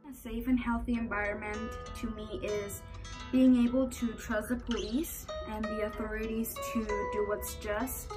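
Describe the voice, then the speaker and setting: Young woman, higher voice, earnest testimony; guitar behind. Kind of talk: personal testimony in a video. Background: guitar music.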